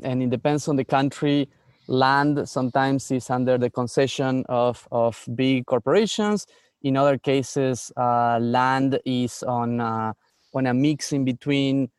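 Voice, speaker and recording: A man's voice: mid-range voice, a little mellow, smooth, no echo, clean studio sound. A man from Argentina, a startup founder answering interview questions earnestly, with frequent fillers and restarts.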